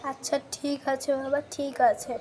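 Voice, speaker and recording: A girl voicing a tired, easygoing father in a doll-play skit, speaking calmly to smooth things over. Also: high voice, moderate pace, slight background noise, voice pushed down, close to an everyday voice.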